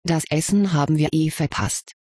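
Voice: medium pitch, normal speed, darkish tone, no room sound, clean studio sound, natural voice. A reader voicing a practical, matter-of-fact schoolgirl witch in an audiobook. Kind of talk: audiobook reading.

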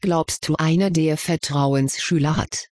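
A reader voicing a curious, kindly male wizard professor in an audiobook, questioning gently with mild amusement. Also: mid-range voice, steady tone, measured pace, no room sound, clean studio sound, close to an everyday voice. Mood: probing. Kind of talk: audiobook character reading.

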